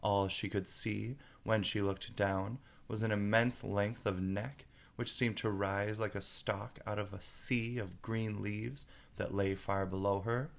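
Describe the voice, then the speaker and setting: Guy reading a storybook out loud, lowish voice, real creaky, takes it slow. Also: steady tone. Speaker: read-aloud storyteller. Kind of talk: scripted storybook narration.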